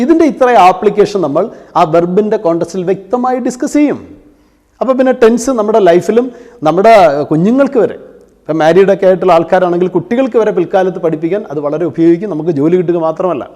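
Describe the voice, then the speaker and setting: A man with a high voice teaching English grammar to exam students. He explains step by step, asks questions and answers them himself, and drops English terms into his talk. His voice rings with the long reverb of a hall. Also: mellow. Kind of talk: classroom-style lesson.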